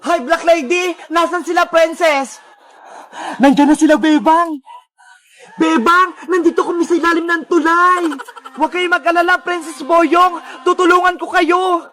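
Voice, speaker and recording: Squeaky, high-energy cartoon kid, woman voicing it, lots of yelling. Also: normal speed. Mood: excited. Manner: excited, shouting, high-energy. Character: frightened little girl Princess and her friends. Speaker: voice of all cartoon characters. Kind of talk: children's cartoon voice acting.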